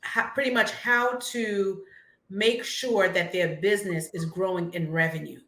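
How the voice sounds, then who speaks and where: A Brooklyn, New York woman who works as a finance entrepreneur is a guest answering interview questions in a friendly way, often using filler words. Her voice is mid-range and fairly bright, with fairly even intonation and a measured pace. The room sounds echoey.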